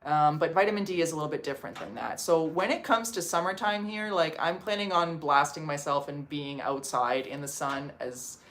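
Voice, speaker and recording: A Canadian woman hosts a casual livestream from her home in Portugal, chattily reading and answering viewer comments and saying "like" constantly. Her voice is low and a bit bright, moving at a moderate pace with hardly any pauses, over slight background noise.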